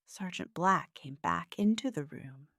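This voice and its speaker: A woman reads a storybook aloud very slowly and clearly for English learners. Her voice is lowish and slightly gravelly, and it moves widely in pitch. The recording is dry and close. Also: no room sound. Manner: clear, slow, expressive. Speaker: narrator.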